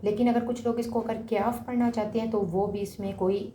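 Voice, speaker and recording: A woman teaching a reading lesson, sounding each letter several times with pauses between. Her voice is soft and mellow. The room is echoey, with a faint hum behind her. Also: mid-range voice, fairly even intonation. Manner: drawn-out sounding of letters, louder on the examples. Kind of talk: slow spoken lesson for children.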